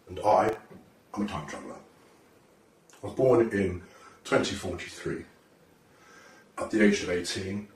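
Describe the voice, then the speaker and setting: A British man claiming to be a time traveller talks in an online video, his voice pitched deeper by a disguising effect. He halts and hesitates, pausing often and leaning on fillers. The recording sounds roomy and distant, with faint background noise.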